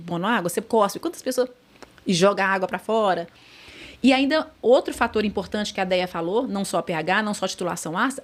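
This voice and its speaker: A woman dentist with a Brazilian accent, chatting as a podcast guest and explaining points with everyday examples. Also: mid-range voice. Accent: Brazilian Portuguese. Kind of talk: casual podcast chat.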